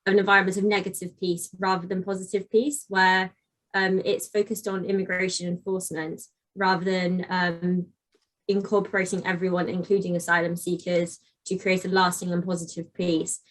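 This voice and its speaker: A woman's voice: fairly low pitch, flat delivery, moderate pace. A woman speaking on a panel, thoughtful and often restarting her sentences. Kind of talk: panel discussion.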